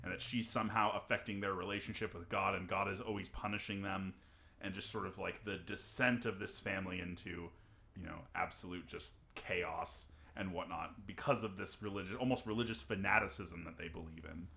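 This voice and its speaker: A man's voice: low-pitched, steady tone, a little fast, gravelly, bright, forceful tone, a little hiss or hum. A young man co-hosting a podcast in casual chat, rambling and hunting for the right words. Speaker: podcast co-host.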